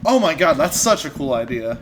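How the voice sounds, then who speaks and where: A man's voice: fairly high pitch, big pitch swings, a little fast, a bit bright, slight background noise. A man co-hosting a casual gaming podcast, giving blunt, emphatic opinions with casual swearing. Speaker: podcast co-host.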